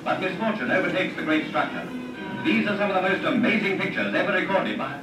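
Man, old newsreel narrator, dramatic announcer delivery, high voice, loud music underneath. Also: fast. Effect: old newsreel soundtrack played back in a classroom. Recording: echoey, distant playback with loud music.

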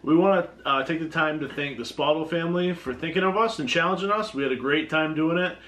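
A man's voice: fairly high pitch, fast talker, a bit bright. A man in his thirties hosting a casual challenge vlog, talking in a kitchen a few feet from the camera. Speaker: video host. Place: indoor kitchen at a counter. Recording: echoey room, background noise.

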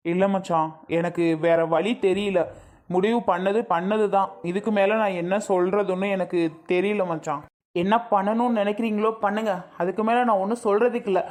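A woman's voice: medium pitch, steady tone, normal speed, darkish tone, lightly acted. A woman playing a young husband caught between his wife and his sister, pleading and then firmly resigned, in a family drama skit.

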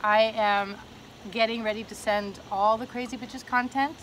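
A chatty woman hosts a relaxed talk segment, her voice sitting a little high and sounding eager. She keeps restarting her sentences as she talks. A faint hum of background noise sits under her voice. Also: normal speed. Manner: chatty, enthusiastic, frequent restarts. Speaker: host and show creator. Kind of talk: casual chat. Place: hot tub.

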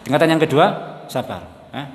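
Preacher in echoey hall. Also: male voice, medium pitch, a little fast, slight background noise. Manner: conversational, repeats points, mixes in Javanese words. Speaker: Islamic preacher. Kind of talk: sermon. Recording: echoey hall, faint ambience.

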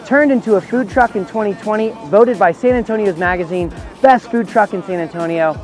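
With music in the background, a high-voiced man talks briskly through his casual food vlog. He's in his thirties, and he describes dishes and restaurants with chatty enthusiasm as he moves between restaurant patios and city streets.

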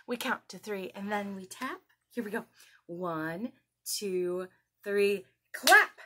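There's background noise as a woman in her thirties, in a small indoor room at home, reads a children's story time and speaks directly to young viewers with exaggerated, encouraging questions. Her mid-range voice moves at a slow pace.

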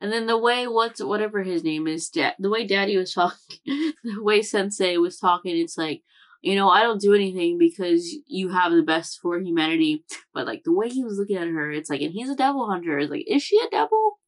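At a medium pitch, animated and a little fast, the young host of an anime reaction channel chats through a recap from a room at home. Her rambling is full of fillers and self-corrections.

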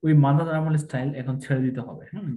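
A man's voice: medium pitch, fairly even intonation, quick pace, echoey room, phone-quality sound. A man teaching English pronunciation online, repeating each word aloud and mixing English into his explanations.

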